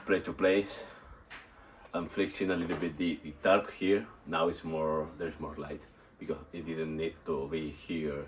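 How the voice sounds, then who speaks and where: Male workout vlogger, unwell, very deep voice, hesitant casual delivery, noticeable background noise on an outdoor phone recording. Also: little pitch movement. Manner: halting, rambling, repeats and searches for words. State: sick and nauseous. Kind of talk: casual unscripted workout vlog. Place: outdoors in a still yard under a tarp. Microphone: phone on a tripod.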